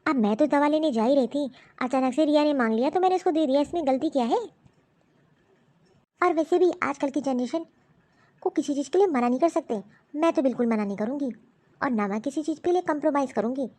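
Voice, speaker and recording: A woman voicing a stubborn, defensive wife in an animated story, arguing back defiantly. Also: high voice, quick pace, natural voice. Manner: defiant and argumentative. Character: defensive young wife and mother, lying and stubborn.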